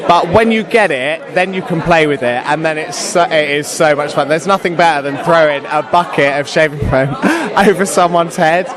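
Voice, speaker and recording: A man's voice: a little high, normal speed, hardly any pauses, a crowd in the background. A young British man, an actor, chatting casually and enthusiastically in an interview. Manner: enthusiastic, gushing. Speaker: pantomime actor and singer.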